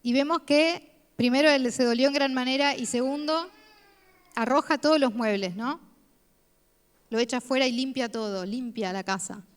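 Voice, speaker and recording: A woman with a Rioplatense Spanish accent preaches, telling her own story in an earnest, personal way. Her voice sits fairly high for a woman. A long reverb from the hall trails behind each phrase. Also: moderate pace. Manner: personal, earnest testimony with frequent rhetorical "¿no?". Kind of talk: sermon. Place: church hall.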